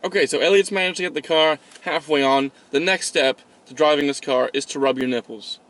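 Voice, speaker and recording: A man hosting a comedy vlog, explaining driving as a deadpan mock tutorial from inside a car. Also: a little high, brisk, recorded from a distance, rough recording. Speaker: host.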